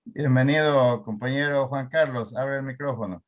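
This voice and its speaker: A man's voice: medium pitch, moderate pace, muffled recording. A man hosting an online political talk show, formal in tone, sometimes stumbling over names. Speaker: host.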